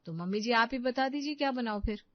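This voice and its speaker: A woman's voice: a little high, lively intonation, brisk, no room sound, lightly acted. Woman voicing a meek young daughter-in-law. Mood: polite meek. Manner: polite, meek. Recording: dull dry lo-fi audio.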